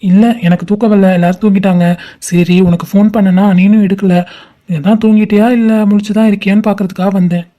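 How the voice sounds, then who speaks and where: Woman voicing a gentle caring young man. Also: medium pitch, fairly even intonation, quick pace, close to an everyday voice. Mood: teasing. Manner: soft, coaxing, questioning. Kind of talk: animated cartoon voice acting.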